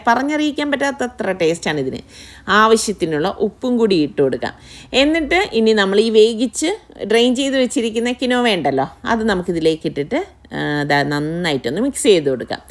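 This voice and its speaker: A middle-aged woman hosting a home cooking vlog, talking viewers through each step in a chatty, explaining way. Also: mid-range voice. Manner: chatty, explains step by step, keeps adding tag questions. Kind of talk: casual home cooking chat.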